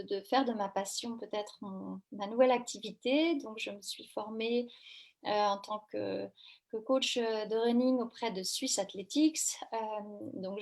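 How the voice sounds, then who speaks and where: Fairly high-pitched and a little mellow, this woman's voice belongs to a running coach and French teacher from Brittany, France. She answers questions in a live interview, using many fillers and restarting often.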